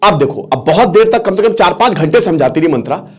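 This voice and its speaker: High-voiced male teacher retelling an epic. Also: lively intonation, fast talker, a little mellow, breathy edge. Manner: explains as he goes, mixes in English words, checks if students follow. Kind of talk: storytelling lesson.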